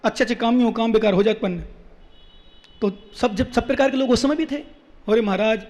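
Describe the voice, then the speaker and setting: A man, a monk, giving a quick sermon and often asking the listeners questions. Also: very high-pitched, darkish tone. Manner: quick-talking, questions the audience, teasing. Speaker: Jain monk. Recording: echoey hall.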